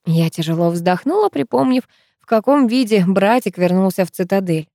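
A woman reading a first-person fantasy audiobook in an even storytelling manner. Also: mid-range voice, moderate pace, dry recording, studio quality. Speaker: audiobook narrator.

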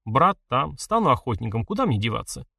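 A man's voice: mid-range voice, big pitch swings, brisk, vocal fry, bright, forceful tone, dry recording, clean studio sound, heavily acted. A man reading an audiobook, voicing a sulky, defensive teenage village boy who snaps and grumbles. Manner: snappish, grumbling.

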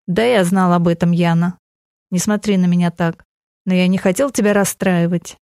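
A woman's voice: on the low side, steady tone, moderate pace, darkish tone, no echo, clean studio sound, lightly acted. A woman voicing a cold, domineering middle-aged man who speaks curtly and defensively in an audiobook. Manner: curt, defensive, self-justifying.

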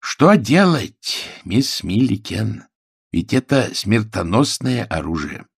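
A man voicing a shy, earnest man who is proud of his gun, speaking slowly and deliberately. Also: on the low side, very animated, no echo, clean studio sound, exaggerated voice. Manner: slow, deliberate, gravelly.

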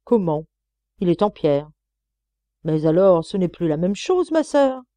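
A woman's voice: lowish voice, big pitch swings, measured pace, warm tone, no echo. A woman reading an audiobook and voicing a pompous elderly village priest who preaches to children and stammers when alarmed. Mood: relieved.

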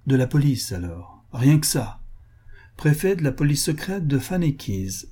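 A man's voice: fairly high pitch, big pitch swings, a little slow, mellow, breathy edge, exaggerated voice. A man reading an audiobook, voicing an ironic, half-mocking aristocratic man of society.

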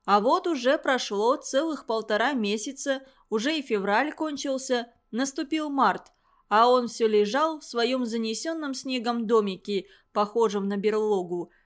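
A woman's voice: fairly high pitch, a little slow. Woman reading a story aloud. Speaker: audiobook reader. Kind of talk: scripted audiobook narration.

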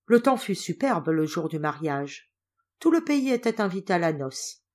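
A woman reading a classic novel aloud as an audiobook narrator, measured and clear. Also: on the low side, very animated, a little mellow.

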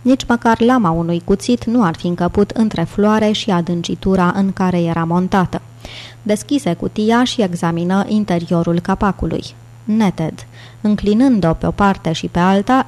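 A woman reading a thriller audiobook in a measured, steady narration. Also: medium pitch. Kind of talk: scripted narration.

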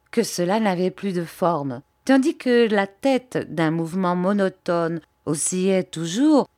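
A woman reading a fantasy novel aloud as an audiobook, in a measured, expressive narration. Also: medium pitch, dry recording, clean studio sound. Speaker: audiobook reader.

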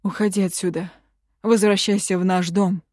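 A woman's voice: medium pitch, fairly even intonation, normal speed, darkish tone, dry recording, studio quality, lightly acted. A woman voicing a proud nobleman who defies the emperor with firm, raised declarations. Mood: defiant. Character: proud defiant nobleman, a father standing up to the emperor.

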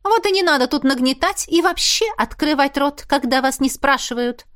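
A woman's voice: sits high, lively intonation, normal speed, a bit bright, pitched above the performer's own voice. A woman voicing a fussy female teacher at a magic academy, strict and scolding, in an audiobook. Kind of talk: audiobook character voice.

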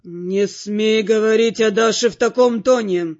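A woman's voice: fairly low pitch, fairly even intonation, a little slow, dark tone, muffled recording, pitched below the performer's own voice. Woman doing a cold, curt young fire mage man. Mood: cold, dismissive. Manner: curt, dismissive, cutting. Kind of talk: audiobook character voice.

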